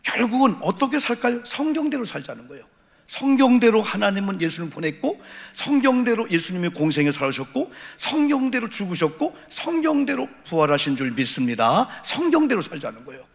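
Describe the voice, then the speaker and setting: A middle-aged male pastor delivers an evening sermon in a church sanctuary, his somewhat high voice roughened by a gravelly edge. He drives his points home with repeated refrains and rhetorical questions, and the sound carries a long echo of the church hall. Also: very animated, fairly quick. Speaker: senior pastor. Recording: echoey church hall reverb.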